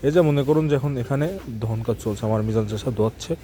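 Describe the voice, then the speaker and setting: Fast-talking man giving a dairy farm tour. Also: mid-range voice, slight background noise. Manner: chatty, many fillers and restarts; speaks quietly near a cow being milked. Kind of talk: casual farm tour vlog.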